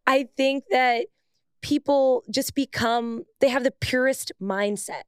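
A young woman co-hosting a casual sports podcast, animated and emphatic, laughing often. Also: high-pitched, takes it slowly, no room sound, clean studio sound. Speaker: podcast co-host, former pro soccer player. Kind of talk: casual chat.

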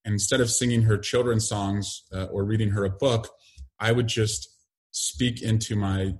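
A middle-aged man giving interview answers in a halting way, full of fillers and restarts. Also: lowish voice, steady tone. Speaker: interview guest, congressman.

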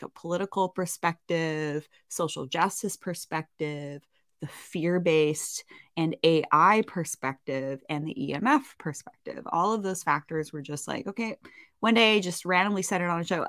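A woman's voice: fairly low pitch, a bit bright, no echo, studio quality. A woman with a Canadian accent co-hosting a podcast in a chatty, self-mocking way, full of rambling asides. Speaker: podcast co-host. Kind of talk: casual podcast chat.

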